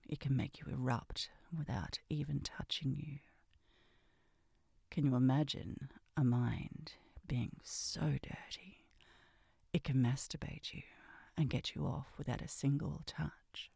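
A woman doing a sultry, seductive ASMR role-play, breathy and often dropping into a soft voice, with a teasing, commanding way of talking. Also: very deep voice, no echo, studio quality.

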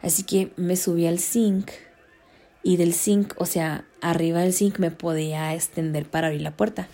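A young woman casually telling a story as a vlogger, chatty and slangy, slipping into English words. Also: on the low side. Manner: chatty, slips into English, slangy and animated in retelling.

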